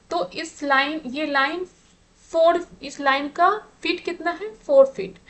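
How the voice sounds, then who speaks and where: A woman teaches an exam-prep lesson. Her voice sits high, and she takes her time, working through each point patiently and answering her own rhetorical questions. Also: a bit bright.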